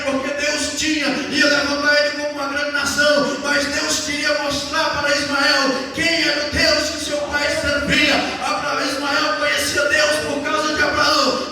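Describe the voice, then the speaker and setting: A Brazilian man preaching a sermon in a booming voice, emphatic and exhorting, repeating phrases to drive them home. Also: sharp tone, slight background noise. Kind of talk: sermon to a congregation. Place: large echoing indoor church hall. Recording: echoey hall, distant microphone, long reverb.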